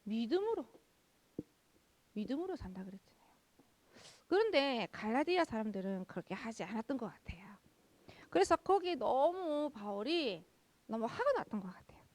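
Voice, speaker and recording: A young woman pastor giving a children's sermon, lively, asking the kids questions and answering them herself. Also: fairly high pitch, normal speed, long pauses, no room sound.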